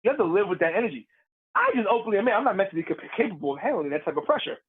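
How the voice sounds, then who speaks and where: A man, a professional wrestler, telling stories in a casual interview, lively and laughing as he acts out the crowd's voices. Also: high voice, racing, husky, narrow, tinny audio. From Puerto Rican heritage.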